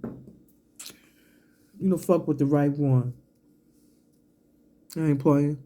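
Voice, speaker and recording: Someone ranting online real slow, cussing a lot, leaning hard on each word, medium pitch. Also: steady tone, dark tone. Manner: sipping a drink between phrases, coughing and clearing throat; profane, emphatic, drawn-out word-by-word delivery. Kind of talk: confrontational online rant.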